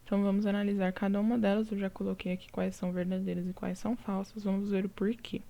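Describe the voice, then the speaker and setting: A woman's voice: mid-range voice, level tone, fast, creaky, lo-fi sound. A woman teacher with a Brazilian Portuguese accent, patiently going over exercises in a recorded lesson and checking in with her students often. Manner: patient, explaining step by step with frequent "tá?" checks.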